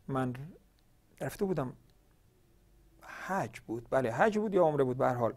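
A man's voice: high-pitched, a little mellow. A man from northern Iran hosting a religious question-and-answer show, arguing emphatically with many rhetorical questions. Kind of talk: televised polemical monologue.

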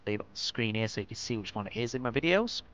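A man from northwest England with a Lancashire accent hosts a game-building tutorial, rambling casually and self-deprecatingly in a mid-range, fairly bright voice. His delivery is rapid-fire with lively intonation, captured on a dull lo-fi mic with clear background noise.

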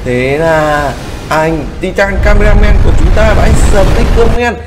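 An excitable man reacts to a video, exclaiming often and speaking straight to his viewers. His voice sits high. A long echo trails each line, and loud background noise runs under everything. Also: unhurried. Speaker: video commentator.

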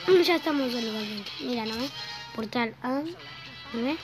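Over loud game music, a young woman from Rosario, Argentina rambles through casual gameplay commentary at a normal speed, swearing offhandedly. Her voice is fairly high, she coughs a little from having just woken up, and the phone-app audio is poor.

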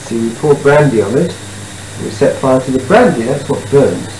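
A man's voice: medium pitch, animated, moderate pace. A man on an old VHS home video, patiently coaxing a young child with simple questions at home. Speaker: parent filming a home video. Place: family home indoors. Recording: noisy, echoey home video tape.

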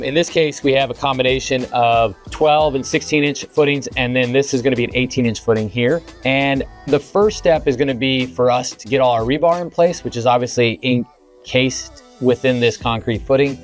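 A man in his thirties, a home builder, explaining basement construction step by step in an earnest, methodical way, recorded outdoors on a lapel mic. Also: mid-range voice. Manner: earnest, methodical, with filler words. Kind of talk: explanatory on-site walkthrough.

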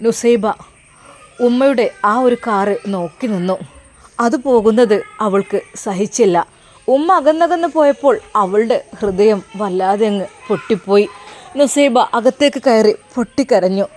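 Expressive woman storyteller, Malappuram accent. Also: on the high side, measured pace. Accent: Malappuram Malayalam. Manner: emotive, expressive. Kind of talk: dramatic story narration.

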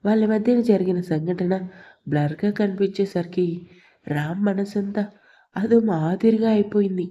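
A woman narrating a love story in a steady, scripted storytelling manner. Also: mid-range voice, moderate pace. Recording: dull lo-fi recording.

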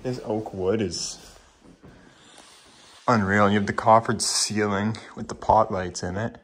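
An urban exploration vlogger getting over a cold walks through the empty rooms of a large abandoned house with a handheld camera, giving informal, awed, mildly sweary commentary. His voice sits on the low side with a fairly bright tone, fairly even intonation and a slightly slow pace, with a little hiss or hum on the recording.

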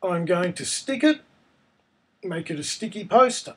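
A man, croaky and hoarse from a cold, narrating a casual step-by-step screencast tutorial. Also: high voice, lively intonation, measured pace, a bit bright. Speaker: tutorial presenter.

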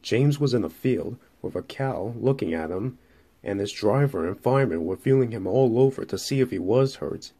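A man narrating a children's railway story in a measured, steady reading. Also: lowish voice, husky.

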